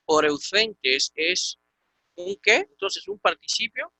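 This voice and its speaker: A man teaching a Greek class over a video call, explaining patiently and repeating words slowly. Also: sits high, huge pitch swings, creaky, bright, forceful tone, no room sound, poor audio. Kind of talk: online class lesson.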